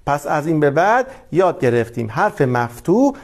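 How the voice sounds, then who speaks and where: Lively encouraging man teaching children. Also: a little high. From Iran. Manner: gentle, encouraging teacher addressing children, reading letters aloud for repetition. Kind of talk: children's lesson.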